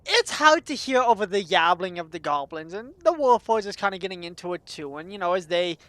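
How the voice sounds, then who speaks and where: A woman's voice: on the low side, animated, fairly quick, dry recording. A woman narrating as dungeon master, chatty and loose, with frequent laughs and fillers. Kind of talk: narrating a tabletop game.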